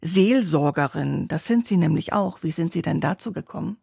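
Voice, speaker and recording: A woman's voice: sits low, lively intonation, normal speed, gravelly, warm tone, slightly rough, no room sound, studio quality. A woman hosting a radio interview, introducing her guest and asking composed, probing questions. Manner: composed, probing, matter-of-fact. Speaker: radio show host and interviewer.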